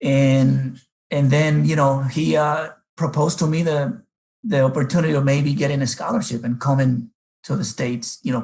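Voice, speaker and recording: Captured on a rough recording, a middle-aged man from the Dominican Republic, a baseball coach, shares his life story during an interview. He speaks unhurriedly with lots of fillers in a mid-range voice with a darkish tone.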